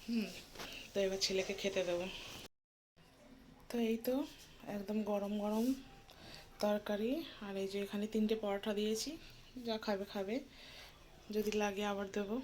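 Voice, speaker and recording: A woman's voice: mid-range voice, level tone, moderate pace, pauses often. Chatty woman vlogging at home, noisy. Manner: chatty, filler-heavy, talks softly at times so the baby keeps sleeping. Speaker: vlogger and mother. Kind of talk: casual home vlog narration. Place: small home, indoors. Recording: home recording with clear background noise.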